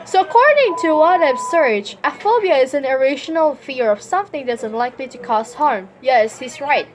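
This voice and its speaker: A woman's voice: high voice, expressive, normal speed, a little hiss or hum. A woman vlogging a casual Q&A with a stuffy runny nose, rambling, correcting herself and giggling as she goes. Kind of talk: casual Q&A vlog.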